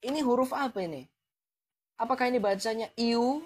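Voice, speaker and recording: A man's voice: very high-pitched, brisk, heavy background noise. Man taunting viewers on a live stream. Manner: taunting, challenging with rhetorical questions; chuckles mockingly between points.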